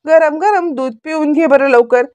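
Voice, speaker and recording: A stubborn, sharp-tongued young woman from a TV serial, quoted by a woman telling the story. She pleads and insists that she gets her way. Her voice is fairly high and sits dry and close to the mic. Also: moderate pace, no room sound, lightly acted. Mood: insistent.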